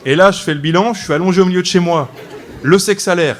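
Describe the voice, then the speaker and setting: A man's voice: high-pitched, fast talker, a faint crowd, a little hiss or hum. A man in his twenties performing a stand-up comedy routine, telling a story with frequent "ok?" asides to the audience. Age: 20s. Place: comedy stage before a live audience.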